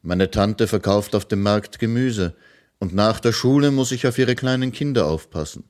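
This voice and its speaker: A man voicing a sad young girl in a children's story, in a soft, plain reading voice. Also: on the low side, normal speed, voice pushed up, close to an everyday voice. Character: sad young girl living with her aunt.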